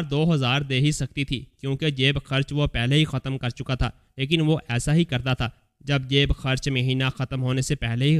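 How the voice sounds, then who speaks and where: A man reading a scripted story aloud as a voice-over, telling it in the first person as an elderly mother in a steady storytelling manner. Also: mid-range voice. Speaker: story narrator. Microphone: voice-over recording.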